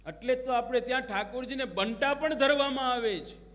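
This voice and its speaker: High-pitched man preaching in a reverberant hall. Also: fairly quick, a bit bright. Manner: storytelling, acts out quoted prayers and dialogue. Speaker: religious preacher. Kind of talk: devotional discourse.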